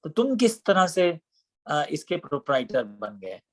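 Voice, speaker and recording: A man voicing a wandering holy beggar who calmly questions a king in a told story. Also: on the high side, measured pace. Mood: questioning.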